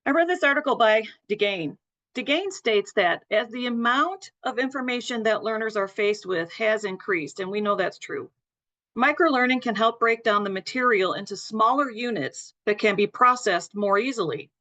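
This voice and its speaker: Slightly high woman presenting a webinar. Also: normal speed. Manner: explanatory, steady, apologetic over glitches. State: losing her voice, clearing throat. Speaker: nursing educator presenting a webinar.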